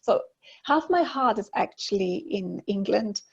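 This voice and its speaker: A woman's voice: medium pitch, animated, measured pace, gravelly, darkish tone, husky, muffled recording. A woman in her forties, born in Poland, talking openly as a guest relationship expert on a video call, with lots of fillers. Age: 40s. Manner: chatty and open, with frequent laughs and fillers. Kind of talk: casual interview talk. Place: living room at home. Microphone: earphone mic on a video call.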